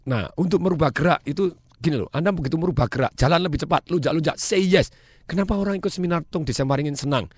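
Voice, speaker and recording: Man, motivational speaker, rapid-fire delivery, emphatic, dry close recording. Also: a little high, breathy edge, no echo. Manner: energetic, emphatic, mixes English phrases, laughs. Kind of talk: motivational talk.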